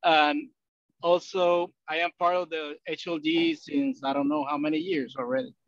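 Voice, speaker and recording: A financial analyst joins a video meeting from his car while driving and introduces himself in a friendly manner. His voice sits on the high side with a steady tone and moderate pace, and the audio's highs are cut off.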